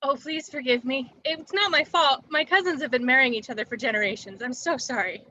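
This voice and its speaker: A woman's voice: sits high, fairly quick, bright, forceful tone, highs cut off. A woman reading a sweet, naive small-town woman who speaks with earnest innocence in an amateur sitcom table read. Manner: earnest, guileless.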